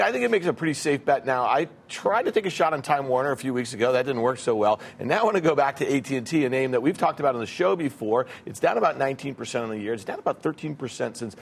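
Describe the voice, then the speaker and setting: Man, fast-talking, options trader panelist, casual chat, faint room noise. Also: mid-range voice. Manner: conversational, thinks aloud with fillers. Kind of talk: fast market commentary.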